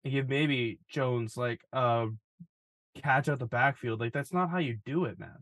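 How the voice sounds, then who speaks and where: A young man talks sports casually on a podcast with a relaxed, wry and sarcastic tone and the odd curse. His voice is mid-pitched and recorded dry and close. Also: unhurried, no echo. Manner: laid-back, wry, swears casually. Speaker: podcast co-host.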